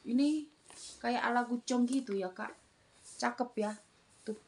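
A woman's voice: on the high side, measured pace. A middle-aged woman doing casual, repetitive live-selling patter, calling out items and prices. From Indonesia. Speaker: online seller of secondhand bags. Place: small room indoors.

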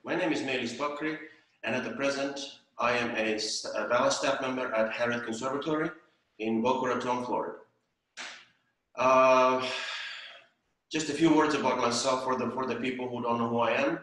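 A man's voice: medium pitch, fairly even intonation, normal speed, a bit bright. Older guy teaching ballet at home, counting the beat, super echoey room, far off mic. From Estonia. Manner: counts rhythmically and sings out the beat. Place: home room with tiled floor. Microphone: far camera.

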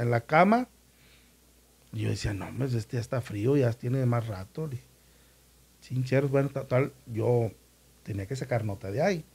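A man tells a story in casual chat. His voice is husky and mellow. He acts out the people he quotes with lively shifts in his voice. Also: medium pitch. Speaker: former newspaper reporter, podcast guest.

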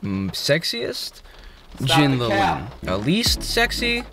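Loud music nearly drowns out a young man's medium-pitched voice, which swoops wildly in pitch. Parked in a car at night, the vlogger films himself with a phone held at arm's length, answering offbeat questions playfully with jokes and rapid asides.

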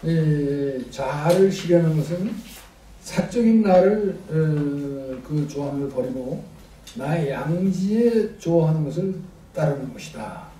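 A man giving an academic philosophy lecture, slow and halting with many fillers, reading from handout pages. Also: a little high, animated, dark tone. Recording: echoey room, distant mic, faint noise.

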